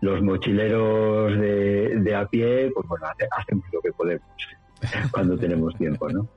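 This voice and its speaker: Over faint music on dull lo-fi audio, a middle-aged man from Madrid shares his life story casually as an interview guest. He lives in the rural mountains and has a central Spanish accent, and his fairly low voice moves at a moderate pace with fairly even intonation and a breathy edge.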